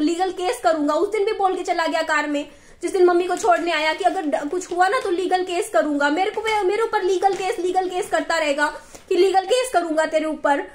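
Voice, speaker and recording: This is a young woman delivering an emotional vlog rant in a very high voice. She sounds heated and defensive, repeats her points, and comes close to tears. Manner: heated, defensive and repetitive, near tears at times. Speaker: vlogger.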